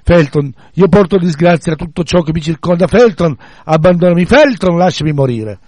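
Guy voicing scheming lady prisoner, begging, high and theatrical, dry sound. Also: expressive, brisk, warm tone, no echo. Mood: pleading. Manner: dramatic pleading read-aloud. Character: desperate scheming adult woman prisoner pleading.

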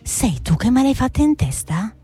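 A woman's voice: on the high side, sing-song, moderate pace, mellow, slightly rough, no echo, pitched above the performer's own voice, exaggerated voice. A woman voicing a small, nearsighted female mole who indignantly questions the animals.

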